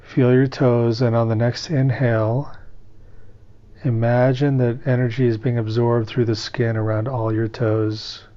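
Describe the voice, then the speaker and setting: A man guides a meditation as its teacher, his mid-range voice unhurried and soothing. He pauses at length between instructions, and the recording's high frequencies are cut off.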